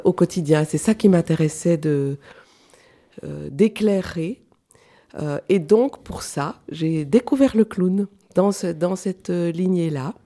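Interview guest: middle-aged woman from Switzerland, mellow low voice, halting, thoughtful. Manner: hesitant, searching for words with many fillers. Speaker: guest, clown and actress. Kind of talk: radio interview.

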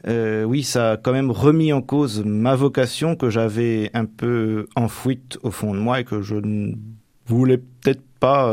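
Young man from Normandy, lowish voice, dry close sound; hesitant interviewee with lots of fillers. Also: vocal fry, darkish tone, no echo. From Normandy, France. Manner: hesitant, many fillers and restarts. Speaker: seminarian about to be ordained priest. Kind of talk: radio interview.

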